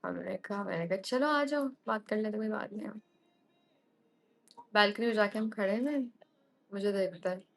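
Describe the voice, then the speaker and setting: A woman's voice: mid-range voice, moderate pace, vocal fry, long pauses. A young woman hosting a live stream, telling a story to viewers in a casual way, switching into English often and laughing as she goes. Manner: animated, mixes English into her talk, laughs often.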